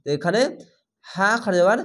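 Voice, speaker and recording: High-voiced man spelling out recitation slowly. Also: steady tone, fairly bright tone. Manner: patient, repetitive letter-by-letter spelling. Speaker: Quran reading teacher. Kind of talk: slow spelled-out recitation lesson.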